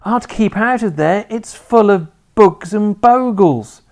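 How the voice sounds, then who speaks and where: A woman's voice: medium pitch, animated, slow pace, darkish tone, voice pushed up. A woman voicing an eager young boy who exclaims and pleads with his grandmother. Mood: pleading.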